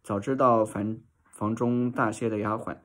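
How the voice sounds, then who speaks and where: A man reading a classic novel aloud as audiobook narration in a steady, measured way. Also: fairly low pitch. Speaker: reader.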